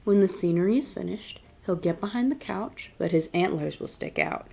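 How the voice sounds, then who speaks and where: A woman reading aloud as a children's storytime host, deliberate and expressive in her delivery. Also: fairly low pitch. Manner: clear, deliberate picture-book reading with expressive emphasis. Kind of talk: read-aloud storytime narration.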